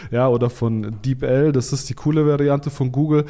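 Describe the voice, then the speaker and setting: A man's voice: medium pitch, steady tone, moderate pace, mellow. Blunt, casual man giving seller advice. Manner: informal, blunt advice with frequent restarts and fillers. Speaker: podcast guest, Amazon seller consultant. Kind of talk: casual expert interview talk.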